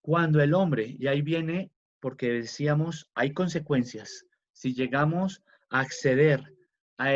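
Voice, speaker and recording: Slow, emphatic man teaching a class. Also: mid-range voice. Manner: slow and emphatic, with fillers and restarts. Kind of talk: religious class lecture. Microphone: video class recording. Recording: dull lo-fi sound.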